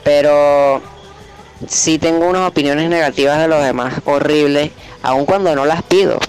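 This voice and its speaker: A man's voice: on the high side, steady tone, normal speed, soft background music. Young Venezuelan man leaving a voice message. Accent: Venezuelan Spanish. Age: 20s. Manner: earnest, hesitant, with fillers and soft laughs. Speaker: caller. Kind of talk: voice message to a radio show.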